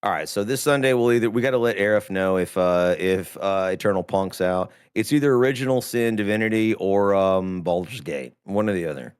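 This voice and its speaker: A man's voice: fairly low pitch, fairly quick, few pauses, clean tone. Rambling man hosting a gaming stream. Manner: rambling, laughs often, drawling asides. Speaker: stream host. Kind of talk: casual gaming stream chat.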